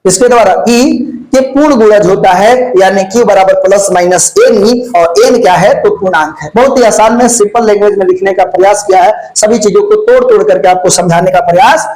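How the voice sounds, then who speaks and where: A man's voice: sits high, a little fast, few pauses, darkish tone, low-quality recording. A man teaching a physics exam-prep lesson, folksy and chatty, asking questions and answering them himself. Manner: folksy, asks and answers his own questions. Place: classroom with lights on, insects flying around.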